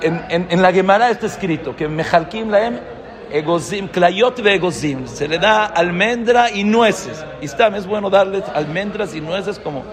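Animated high-voiced man preaching in a hall. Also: moderate pace, crowd noise. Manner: animated storytelling, acting out quotes, laughing. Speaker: rabbi giving a holiday talk. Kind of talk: lively sermon to a live audience.

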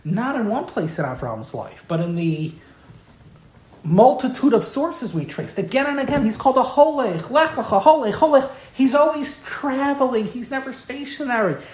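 A woman's voice: a little high, darkish tone. A woman giving an evening Torah lecture in an emphatic, impassioned way, often repeating key words. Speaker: Torah teacher. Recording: roomy, echoey room.

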